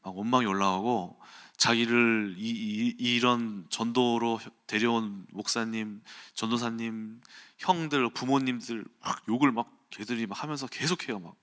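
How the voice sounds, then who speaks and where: Male preacher, bright and forceful tone, animated storyteller who acts out scenes. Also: mid-range voice, measured pace. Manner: animated storytelling, acts out quotes and sounds, chuckles. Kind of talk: early-morning sermon with personal storytelling.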